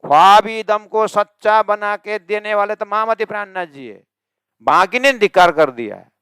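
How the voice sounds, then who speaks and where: A male religious teacher giving a scripture discourse, chanting verses slowly and explaining them with emphatic, rising questions. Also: high voice, sharp tone, clean tone, dry recording, clean studio sound.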